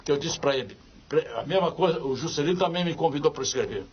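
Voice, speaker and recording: A man's voice: fairly high pitch, fast, husky. An older man with a Brazilian accent, a biographer being interviewed, telling stories and acting out the dialogue. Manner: lively storyteller who acts out dialogue. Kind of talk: anecdotal storytelling in conversation. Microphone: podcast microphone. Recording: dull lo-fi recording.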